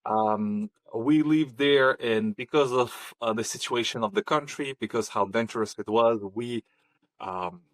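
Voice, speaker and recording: On a podcast, a man from Kazakhstan is interviewed in a conversational setting. His medium-pitched voice is unhurried and hesitant, full of ums and restarts, and the recording carries no room sound.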